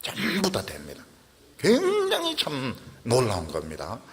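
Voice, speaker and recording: Middle-aged male pastor, very animated sermon delivery, acting out dialogue, long church-hall reverb. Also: mid-range voice, a little slow.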